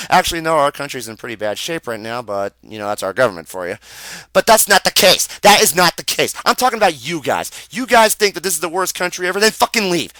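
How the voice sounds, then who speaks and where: A young American man rants into his camera, cursing hard and tripping over his words in his anger. His voice sits a little high and comes out bright and forceful. The sound is close and dry, with no room echo. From United States. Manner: profane, heated, stammering rant. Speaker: vlogger. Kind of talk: angry webcam rant.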